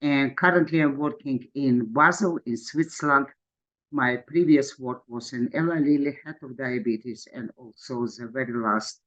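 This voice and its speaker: Man giving a halting webinar talk. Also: medium pitch, muffled recording. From Georgia. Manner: halting non-native English with frequent fillers. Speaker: conference speaker, endocrinologist. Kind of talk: webinar presentation. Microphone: video call.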